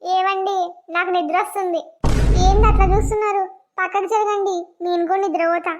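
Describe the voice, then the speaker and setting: A woman voicing a patient, pleading young village bride in a cartoon, with a high, thin voice. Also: fairly even intonation, fairly quick, muffled recording, noisy background. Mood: stubborn.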